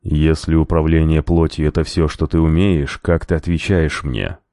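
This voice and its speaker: A male narrator voicing an unseen male spirit who speaks in a slow, solemn, insistent bass. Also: flat delivery, mellow, dry recording, clean studio sound. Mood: instructive. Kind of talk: audiobook character voice.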